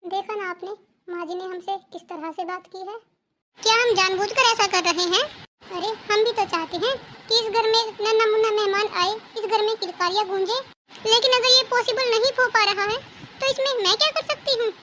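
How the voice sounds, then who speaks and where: A very high cartoon voice of a young, dutiful daughter-in-law, voiced by a woman. She speaks politely and pleadingly, with a hurt edge. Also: fairly even intonation, fairly quick, noisy background. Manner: respectful, pleading. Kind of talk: cartoon dubbing.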